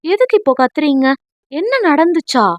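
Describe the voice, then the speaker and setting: Brief: woman voicing a high, anxious young wife, breathless pleading questions, dry close audio-book sound. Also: animated, normal speed, no room sound, highs cut off. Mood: flustered.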